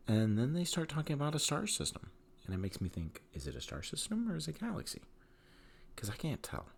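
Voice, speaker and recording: A man's voice: mid-range voice, vocal fry, a little mellow, husky. A man giving a casual, rambling spoken review of a TV episode, candid and opinionated, with many fillers.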